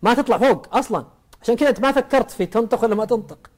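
Fast high-voiced preacher. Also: male voice. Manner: explains with rhetorical questions and playful everyday examples. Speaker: religious preacher. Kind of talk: conversational religious talk.

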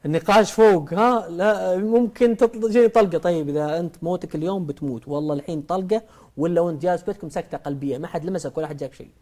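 A man gives a religious talk in a fairly high voice. He moves at a brisk clip and keeps asking his listener questions. He builds his points from playful everyday examples. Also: a little mellow. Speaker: religious preacher.

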